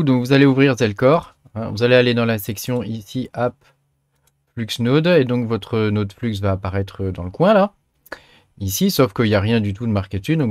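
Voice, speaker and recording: A man hosting a software tutorial, chatting through each step with many filler sounds. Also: mid-range voice, dry recording, studio quality. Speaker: tutorial host. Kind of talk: screen-recorded software tutorial.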